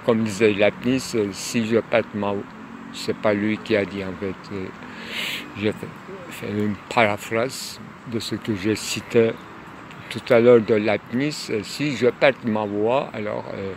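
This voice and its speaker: A man musing aloud in a rambling monologue, hesitant and full of pauses and fillers, outdoors near a tunnel. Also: on the low side, steady tone. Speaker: lecturer. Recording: loud traffic noise behind.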